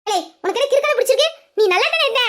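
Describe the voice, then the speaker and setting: A performer voicing a nagging, shrill middle-aged village mother, in an audio drama. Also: animated, rapid-fire, fairly bright tone. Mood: angry scolding.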